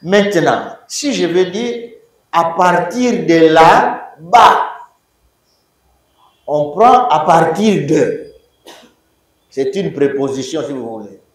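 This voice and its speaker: Teacher, slow and very animated, quizzes his class, recorded from afar in an echoey room. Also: a little high. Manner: emphatic, repeats words and quizzes students. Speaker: Hebrew teacher. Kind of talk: university lecture. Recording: echoey room, distant mic.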